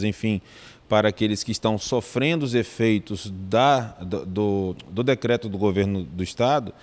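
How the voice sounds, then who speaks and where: A man with a Brazilian Portuguese accent, a legal adviser explaining a decree in a measured, formal way with frequent restarts. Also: fairly low pitch, long reverb tail.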